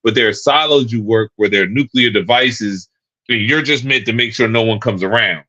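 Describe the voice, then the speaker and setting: A man's voice: mid-range voice, normal speed, bright, forceful tone, highs cut off. A man co-hosting a casual podcast, rambling and repeating words, with slang and swearing. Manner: profane, slangy. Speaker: podcast co-host.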